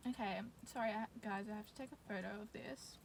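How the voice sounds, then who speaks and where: A woman's voice: mid-range voice, fast talker, creaky. A young woman chatting playfully and casually as co-host, using slang. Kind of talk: casual chat.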